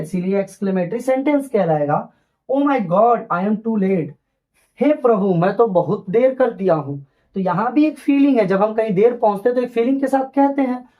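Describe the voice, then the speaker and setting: A man's voice: high voice, a little mellow, rough recording. Patient male teacher explaining grammar. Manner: patient, repeats each point and spells out English examples slowly. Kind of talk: grammar lesson for children.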